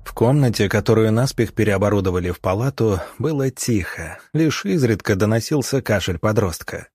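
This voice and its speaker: A man narrating an audiobook at a measured, even pace. His voice is low and husky, recorded dry and close. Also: dry recording.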